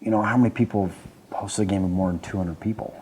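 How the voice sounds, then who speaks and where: A man's voice: lowish voice, steady tone, quick pace, darkish tone, a little hiss or hum. A man in a casual roundtable talk who organizes large events, talking in an emphatic, opinionated way. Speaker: podcast co-host, event organizer.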